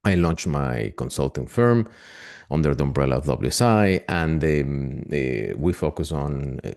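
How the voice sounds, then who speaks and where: An Argentine AI consultant with a Latin American Spanish accent speaks in a webinar interview, friendly and hesitant with lots of fillers. His voice is extremely low and gravelly, expressive, unhurried, and a little mellow.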